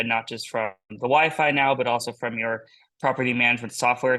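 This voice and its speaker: A man, a company founder, hosting and presenting a business webinar in an upbeat, pitch-style delivery. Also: bright, forceful tone, poor audio.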